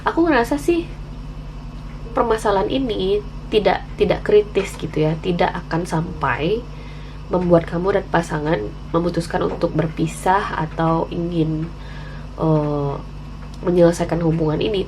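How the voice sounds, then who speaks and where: An Indonesian woman with the flu, a candy in her mouth, gives viewers a casual, candid tarot reading as host of her channel. Her voice is lowish and moderately paced with long pauses, over a noisy background. She's chatty and frank, sprinkling in English slang phrases.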